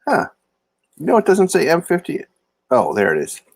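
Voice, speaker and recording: A man's voice: a little high, wildly swooping pitch, moderate pace, creaky, no echo. A man hosting a casual livestream, rambling and self-deprecating as he talks to viewers from a room. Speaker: livestream host. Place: indoor room. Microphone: phone or laptop camera mic.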